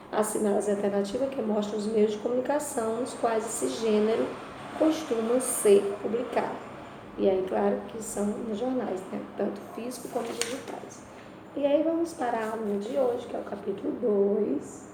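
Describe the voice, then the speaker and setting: A woman teacher with a Brazilian accent giving a remote Portuguese lesson, explaining step by step and asking and answering her own questions. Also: on the high side. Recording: echoey room with faint noise.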